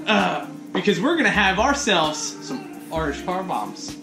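A man's voice: sits high, sing-song, slow pace, creaky. A man in his thirties in rowdy, casual banter, joking crudely and chipping in as a review show co-host. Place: small indoor lounge, on a couch. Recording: roomy echo, music behind.

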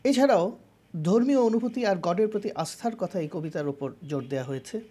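A lecture host with a soft, warm tone and a breathy edge explains a poem methodically, defining each term as it comes up. The delivery stays measured and instructional throughout. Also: medium pitch. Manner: methodical, defines terms, mixes in English words. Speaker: channel host and literature teacher.

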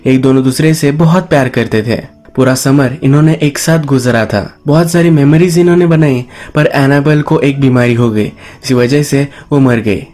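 A man's voice: a little high, darkish tone. A man narrating a movie story recap in casual storytelling style, mixing English words into his talk. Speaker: movie explainer.

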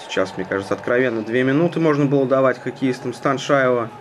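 A man giving live hockey play-by-play in a measured, conversational manner. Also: medium pitch. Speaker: hockey commentator. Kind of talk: live sports play-by-play commentary. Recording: noisy ice rink ambience. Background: arena noise.

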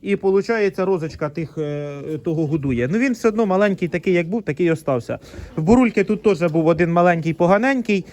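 A man's voice: high-pitched, animated, quick pace, a little mellow. A man, a pig farmer, chatting casually as he shows his pen, fond with the piglets and scolding them. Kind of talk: casual vlog narration.

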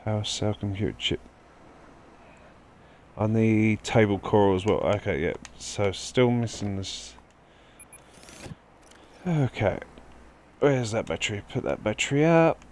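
A man's voice: on the low side, expressive, measured pace, long pauses, a little mellow, a little hiss or hum. Chatty man narrating his gameplay. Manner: chatty, talks to game creatures while playing. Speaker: gaming livestreamer. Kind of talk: casual let's-play commentary.

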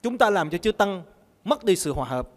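Male Buddhist preacher, fairly high voice, call-and-response sermon, reverberant hall. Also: big pitch swings, a little fast. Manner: asks the audience questions and answers them himself.

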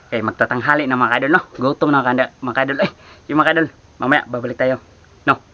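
Chatty man with a bright voice. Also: mid-range voice, fairly even intonation, fast talker, highs cut off. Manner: chatty, constantly addresses viewers as idols. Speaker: cooking vlogger. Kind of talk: casual cooking vlog chat.

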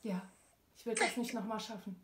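A woman's voice: mid-range voice, fairly even intonation, a little fast. A woman with a German accent, a tapping acupressure practitioner, leading a session by speaking phrases for the other person to repeat and encouraging her along. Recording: echoey room with faint noise.

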